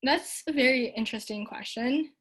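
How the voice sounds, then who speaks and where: A woman's voice: high-pitched, moderate pace, fairly bright tone. A young woman from Canada giving a casual online talk and answering audience questions, her speech full of likes and ums. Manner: frequent likes and ums, upbeat and earnest.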